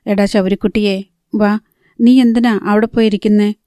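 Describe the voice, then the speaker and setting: A woman's voice: mid-range voice, fairly even intonation, moderate pace, dry recording, clean studio sound, lightly acted. Woman voicing a stern old grandmother. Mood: coaxing. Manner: scolding, sharp questioning.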